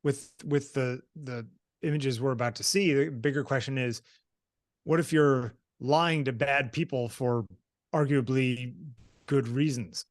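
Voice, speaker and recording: Man, conversation guest, mid-pitched, relaxed and matter-of-fact; dry close recording. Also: measured pace, no echo. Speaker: guest photographer. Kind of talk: conversational discussion.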